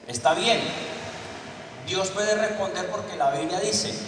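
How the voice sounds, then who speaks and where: Slow, high-voiced man preaching in an echoey hall. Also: background noise. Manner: emphatic, asks the congregation rhetorical questions. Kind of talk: church teaching sermon. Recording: echoey hall, distant mic.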